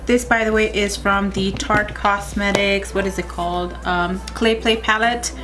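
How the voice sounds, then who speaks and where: A woman's voice: medium pitch, steady tone, unhurried, music in the background. A young woman chatting to her viewers as she walks through a makeup tutorial step by step. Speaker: beauty vlogger. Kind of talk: casual makeup tutorial chat.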